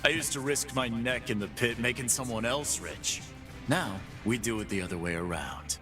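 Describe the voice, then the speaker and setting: A man with a medium-pitched, natural voice speaks at normal speed, voicing a video game's half-beast pit boss. With game music behind him, he swaggers, brags and taunts like a tough guy in cocky brawler voice lines.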